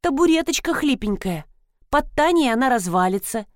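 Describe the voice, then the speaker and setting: A woman's voice: sits high, sing-song, normal speed, no echo, studio quality, pitched above the performer's own voice. A woman reading an audiobook, voicing an earnest middle-aged housekeeper explaining a plan plainly.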